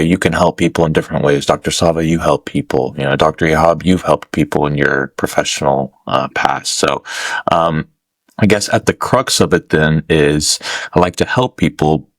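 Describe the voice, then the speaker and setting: Male podcast co-host from California; very low voice, thoughtful with pauses, dry close sound. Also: dry recording. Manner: thoughtful, hesitant with fillers. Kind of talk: casual podcast chat.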